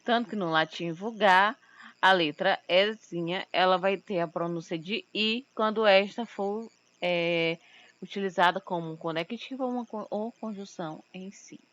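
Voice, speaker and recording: A woman teaching a recorded lesson, explaining step by step and slowly repeating example words. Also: medium pitch, a bit bright. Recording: muffled lo-fi home recording.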